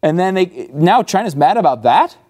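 A man's voice: high voice, big pitch swings, moderate pace, darkish tone. A man co-hosting a talk show, sarcastic and teasing in casual banter. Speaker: co-host.

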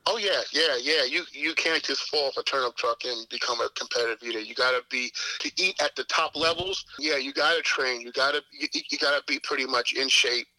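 A man's voice: mid-range voice, brisk, bright, forceful tone, dry recording, poor audio. A man, talking casually as a guest in an interview, rambling with lots of "you know what I'm saying". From Queens, New York. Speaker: competitive eater guest.

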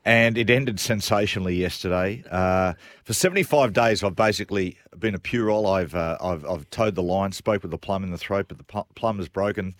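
A man's voice: deep voice, fairly quick, hardly any pauses, no echo, clean studio sound. An Australian man hosting a jokey, casual sports radio show, stopping and restarting phrases in an exclamatory way. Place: radio studio.

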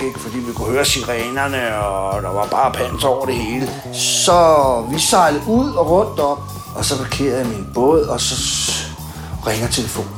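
A man tells a rough, rambling anecdote in casual, slangy speech. His voice sits at an ordinary pitch, and soft music runs faintly underneath. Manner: rambling, chatty, with crude slang. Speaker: storyteller.

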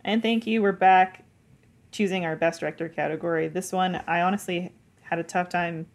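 Woman host, lower pitch, upbeat, runs the chat. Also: steady tone, moderate pace. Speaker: podcast host. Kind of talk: casual chat.

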